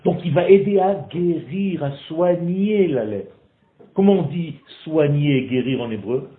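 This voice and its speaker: A man teaching a group in a lively, questioning way, teasing his listeners. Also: a little high, a little slow. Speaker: Torah teacher. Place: classroom in Israel. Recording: echoey room on a tinny phone-like recording.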